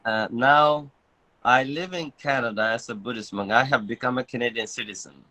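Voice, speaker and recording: In a rough recording, a man speaks in a medium pitch at a moderate pace, his voice pushed and bright. He's a Bangladesh-born Buddhist monk chatting conversationally, full of fillers and chuckling at his own humor.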